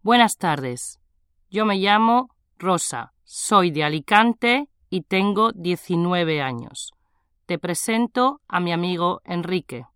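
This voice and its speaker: A woman's voice: on the low side, lively intonation, takes it slowly, fairly bright tone, smooth, dry recording, studio quality. A woman playing a cheerful nineteen-year-old in a scripted language-exam dialogue, carefully enunciating. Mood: friendly.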